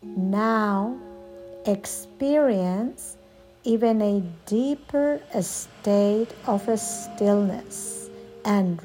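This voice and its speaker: A woman softly and soothingly guiding a yoga nidra relaxation as the instructor, leaving long pauses between phrases. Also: mid-range voice, poor audio. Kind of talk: guided relaxation meditation.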